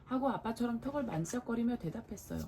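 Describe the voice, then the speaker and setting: A woman in her forties, a mother, reading a storybook aloud to her children at bedtime with lively expression. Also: on the high side, fast talker, noisy background. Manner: expressive, lively character voices. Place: home at bedtime.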